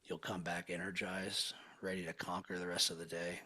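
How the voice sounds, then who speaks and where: A man leading a guided hypnosis session in a slow, soothing, hushed manner. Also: low voice, little pitch movement, breathy edge.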